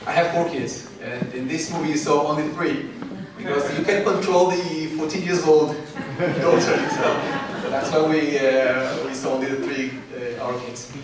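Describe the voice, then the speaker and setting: A man from Ethiopia, probably in his forties, telling his life story as a guest speaker. He talks haltingly and pauses for fillers often. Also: fairly high pitch, steady tone, over a noisy crowd. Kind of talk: personal story speech. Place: large hall. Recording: very echoey hall from far off.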